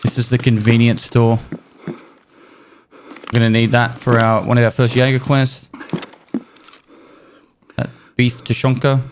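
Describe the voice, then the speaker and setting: A man's voice: medium pitch, level tone, measured pace, long pauses. A man giving casual gameplay commentary as a streamer, explaining tips and swearing now and then. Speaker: gaming streamer. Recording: loud game noise under voice.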